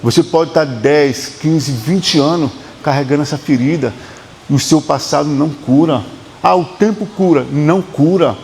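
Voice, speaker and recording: A man's voice: a little high, normal speed, a little mellow, big-room sound, slight background noise. A man with a Brazilian Portuguese accent, a psychotherapist giving a motivational talk in an emphatic, repetitive preaching cadence.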